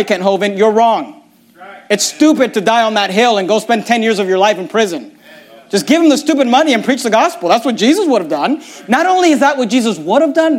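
A man preaching a sermon, reading scripture aloud and arguing his point with emphasis. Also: high voice.

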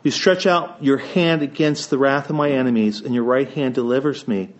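A man's voice: mid-range voice, steady tone, moderate pace, slight background noise. Male preacher, Eastern Ohio Appalachian accent, slight head-cold sound, reverent sermon delivery, muffled lo-fi capture. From Eastern Ohio, United States. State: has a cold. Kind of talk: sermon with scripture reading and prayer. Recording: dull, band-limited sound.

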